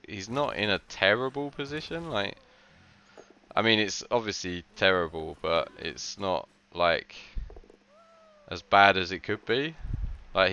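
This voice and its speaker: A man's voice: fairly low pitch, sharp tone, smooth, dull audio. A man giving casual commentary on a game match, rambling with lots of filler words and frequent laughs.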